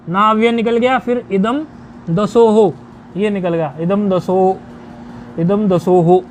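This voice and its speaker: A man teaching a grammar lecture, explaining rules deliberately and chanting each rule syllable by syllable. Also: sits high, darkish tone, a little hiss or hum.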